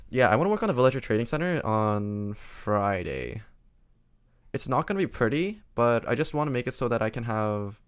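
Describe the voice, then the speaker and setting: A man streaming games, chatting casually in a quiet, low-energy way as his voice starts to go hoarse. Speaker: game streamer.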